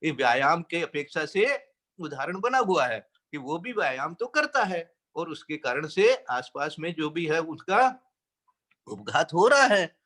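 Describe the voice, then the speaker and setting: Man, scripture teacher; slightly high voice, slow explanatory sermon delivery with chanted verses. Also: big pitch swings, sharp tone.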